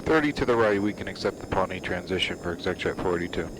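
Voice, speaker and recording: A man's voice: deep voice, expressive, fast talker. A man as a pilot over the radio in a home simulator cockpit, speaking procedurally and thinking aloud. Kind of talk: pilot over the radio mixed with muttered commentary. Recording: loud simulated aircraft noise behind voice. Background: loud aircraft cockpit noise.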